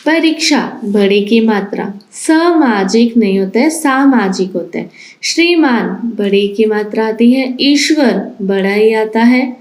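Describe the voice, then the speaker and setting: A fairly high-voiced woman teaches young children, stretching each word out slowly and clearly. The room echoes around her voice. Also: lively intonation. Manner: slow, deliberate, spells out words for children. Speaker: school teacher. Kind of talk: recorded grammar lesson.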